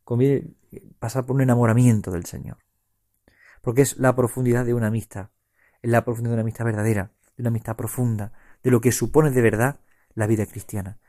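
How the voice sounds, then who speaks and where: Man, preaching retreat talk, warm mellow tone, meditative repetition. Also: steady tone. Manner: slow, repetitive, meditative phrasing with sudden rises in pitch and force. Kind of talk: spiritual talk on Ignatian meditation.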